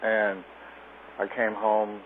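A man leaving a relaxed, rambling voicemail over a landline phone. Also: on the low side, slow. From Southeast Kansas. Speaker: caller. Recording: tinny landline voicemail, faint noise.

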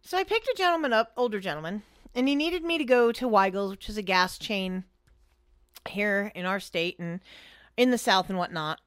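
A woman's voice: medium pitch, expressive, normal speed, clear, resonant tone, no room sound, studio quality. Blunt, profane woman telling driver stories. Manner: blunt, profane, exasperated storyteller. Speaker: co-host and rideshare driver. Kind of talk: casual storytelling chat.

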